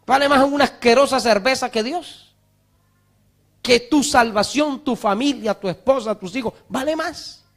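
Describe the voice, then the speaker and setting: A male pastor preaching a fervent sermon in church, rising to shouts on scripture and mocking wailing sinners. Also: very high voice, unhurried.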